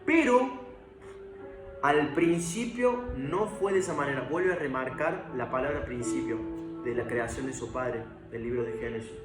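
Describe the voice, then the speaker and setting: A man's voice: medium pitch, recorded from a distance. A man preaching an earnest sermon, speaking straight to the viewer and swelling into emphasis. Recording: echoey room with music behind.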